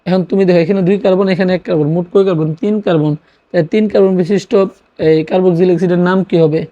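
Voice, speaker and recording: Mellow teacher who quizzes and self-answers. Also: medium pitch. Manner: repeats key terms, asks questions and answers them. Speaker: chemistry teacher. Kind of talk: classroom lecture. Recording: dull lo-fi recording.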